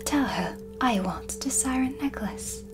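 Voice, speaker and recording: In a soft-spoken, cinematic ASMR roleplay, a woman plays a brooding, blunt dark witch who reads tea leaves as a mysterious hostess. Her breathy whisper is deliberate and ominous, full of pauses, pitched high with lively intonation and a quietly threatening mood. Ambient music plays beneath the close whisper.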